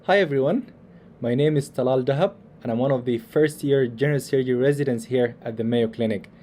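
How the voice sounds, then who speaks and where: A man's voice: medium pitch, a little fast, warm tone, a little hiss or hum. A young man from Sudan, a first-year surgical resident, giving a cheerful recorded testimonial. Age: young adult.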